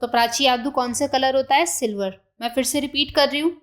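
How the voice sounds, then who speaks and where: A woman teacher giving a beginner language lesson, saying each new word slowly and repeating it for learners to echo. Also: high-pitched, fairly even intonation.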